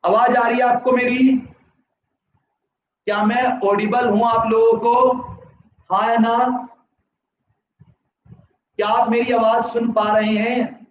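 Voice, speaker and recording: A man with a very high voice speaks slowly and pauses often, his pitch barely moving. He is teaching an economics class online through a sore throat, dropping English terms into his speech and putting yes-or-no questions to students. The live lecture sounds echoey, distant and slightly dull.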